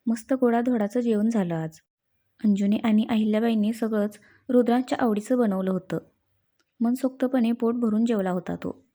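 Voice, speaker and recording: A woman storyteller reads a scripted romance with a gentle, even delivery. Her voice is mellow and warm. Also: a little high, moderate pace.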